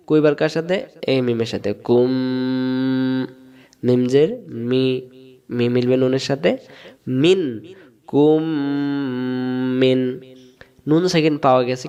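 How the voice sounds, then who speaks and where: Male online Quran teacher, Bangladeshi Bengali accent, mid-pitched and clear, patient, repetitive drilling. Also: normal speed, long pauses, darkish tone. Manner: patient, drills rules by repeating them, asks and answers own questions. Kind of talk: step-by-step online lesson.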